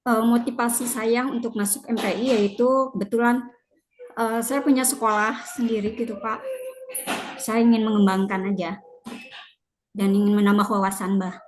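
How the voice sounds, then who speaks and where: A woman's voice: a little high, level tone, rough recording. Woman in her fifties, faint noise behind. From Bandung, Indonesia. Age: 50s. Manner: polite, with pauses. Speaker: teacher and graduate student. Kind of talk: self-introduction in class.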